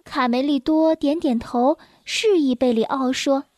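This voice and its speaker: A woman hosting and narrating a children's storybook in a gentle, expressive way. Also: high-pitched, a little slow, dry recording, studio quality. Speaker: storyteller host.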